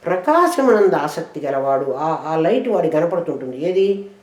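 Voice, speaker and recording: A woman teaching scripture, explaining verses with rhetorical questions and chanting them slowly. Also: low voice, very animated, a little mellow, roomy sound. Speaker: spiritual teacher. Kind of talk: scripture lesson.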